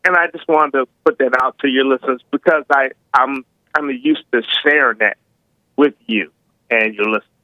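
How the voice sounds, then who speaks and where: A man calling in to a talk show, speaking casually and haltingly with slightly slurred words and slushy s sounds. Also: mid-range voice, pushed and bright, no echo. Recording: narrow tinny phone line.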